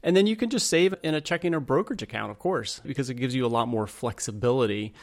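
Man, creaky mid-pitched voice, podcast host talking money advice, informal and plain-spoken. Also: lively intonation, quick pace. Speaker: podcast host and financial adviser. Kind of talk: scripted outro and disclaimer read; conversational financial explanation.

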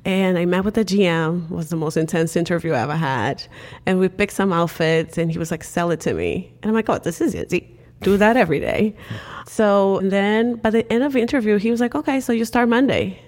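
In a casual interview, a guest from Cape Verde with Cape Verdean Creole as her first language shares her story in an animated way, frequently using "like" as a filler. Her pitch is fairly low.

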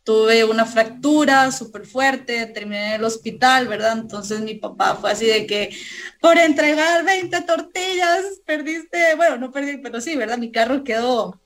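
A woman's voice: fairly high pitch, steady tone, moderate pace, few pauses. A young woman, a guest entrepreneur on a radio interview, telling her story animatedly and tagging her sentences with "¿verdad?". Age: young adult.

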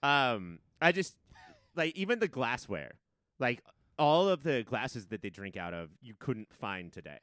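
A man co-hosting a casual movie podcast, laid-back and joking in a deadpan way. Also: medium pitch, measured pace, no room sound, clean studio sound. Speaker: podcast co-host.

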